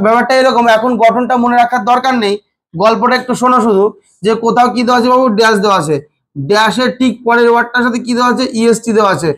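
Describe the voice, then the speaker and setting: High-voiced man teaching a grammar class. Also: a bit bright. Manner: asks the class questions and answers them himself; calls the students "babu" and stretches words out slowly to spell or count syllables. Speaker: English teacher.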